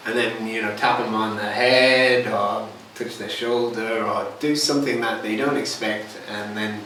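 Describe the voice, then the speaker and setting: At a measured pace, a hypnotherapy instructor with a lowish, slightly bright voice and fairly even intonation teaches informally and responds to questions, his speech loose and hesitant. The recording comes from a distant mic in an echoey, noisy, reverberant room.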